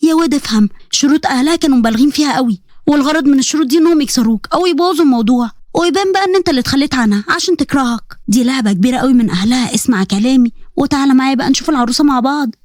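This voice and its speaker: A meddling middle-aged mother, coaxing and scheming in an Egyptian accent, voiced by a woman. She pours out her persuasions very fast in a fairly high voice. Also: darkish tone, no echo, clean studio sound, natural voice.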